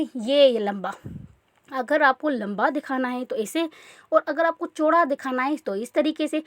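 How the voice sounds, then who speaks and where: A woman's voice: sits high, a little mellow, no room sound. A woman teaching a makeup class in a chatty tutorial style, often checking in with her listeners. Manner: chatty, repeats "theek hai" often. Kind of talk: casual tutorial instruction.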